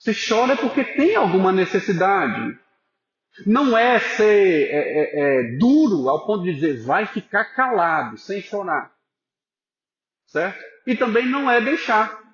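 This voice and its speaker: A man with a high voice preaches slowly and earnestly to his congregation. His sound carries the echo of a church and has a dull, lo-fi quality. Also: sing-song. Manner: earnest, pastoral, addresses listeners as brothers, drops to a soft voice for emphasis. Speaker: pastor. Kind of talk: sermon.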